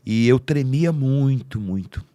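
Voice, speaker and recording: A man with a Brazilian accent tells an emotional family story on a podcast, slipping into the voices of the people in it. His voice sits at a middle pitch. It sounds dry and close on the mic. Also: lively intonation, slow, mellow, dry recording. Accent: Brazilian Portuguese. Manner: heartfelt, acts out quoted family voices. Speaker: podcast speaker.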